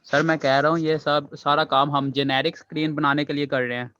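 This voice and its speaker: A man's voice: a little high, little pitch movement, a little fast, bright, forceful tone, clear, resonant tone. A man in an online class, asking a question hesitantly over a choppy, cutting-out call connection while he searches for words. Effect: choppy, cutting-out online call audio.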